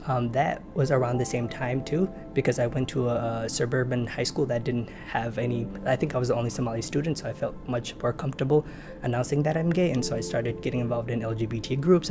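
A young man, born in Kenya and raised in Minnesota, gives an earnest, measured documentary interview about his own life. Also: mid-range voice. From born in Kenya, raised in Minnesota, United States. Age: young adult. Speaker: interviewee telling his personal story. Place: indoor room with a lamp, seated. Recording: clear music bed underneath.

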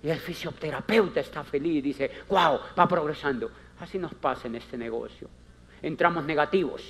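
A man's voice: normal speed, a bit bright, husky. A man giving a conference talk as a motivational speaker, theatrical and emphatic, repeating phrases and acting out little scenes. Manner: theatrical, acts out characters with big pitch swings; repetitive, emphatic.

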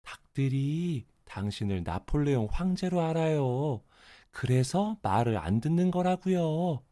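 A man voicing a farmer's wife in a children's storybook, confiding and clearly enunciated. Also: on the high side, lively intonation, a little slow, mellow.

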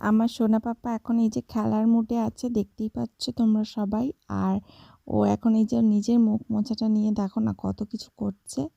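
A woman's voice: a little high, flat delivery, fairly quick, gravelly, mellow, no echo, lo-fi sound. A woman chatting fondly as a mother in a casual home vlog, using "to" as a filler. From Bengal. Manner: fond, chatty, repeats "to" as a filler. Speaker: mother vlogger.

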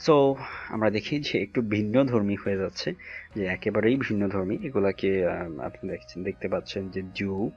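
A man's voice: lowish voice, normal speed, darkish tone. A man from Bangladesh teaching an online English lesson, reading out word lists with many fillers. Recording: dull lo-fi recording with faint music.

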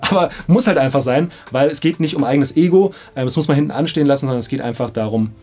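Background music plays as a man in his thirties, an audiobook director, chats to camera from a small indoor studio control room. His mid-range voice moves at a quick pace with a slightly mellow quality, and his manner is eager and slangy.

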